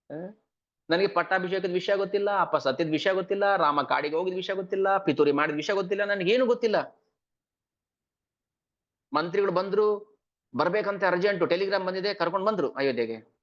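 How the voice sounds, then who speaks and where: A man's voice: high-pitched, brisk, long pauses, a bit bright, muffled recording, voice pushed up. A man voicing a grieving young prince who earnestly pleads with his mother. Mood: pleading.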